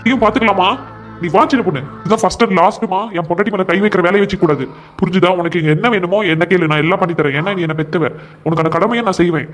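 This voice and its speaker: A man's voice: sits high, fast talker, faint music behind, lightly acted. A man voicing a young cartoon husband who firmly stands up for his wife against his mother. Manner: firm, pleading, reasoning. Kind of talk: comic cartoon voice acting.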